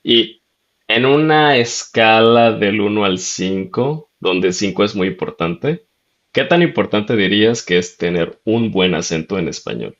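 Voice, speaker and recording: Guy hosting a chill interview, lowish voice, agreeable and easygoing, kinda muffled audio. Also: a little slow. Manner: relaxed, agreeable, tells anecdotes. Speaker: podcast host. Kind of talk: conversational interview.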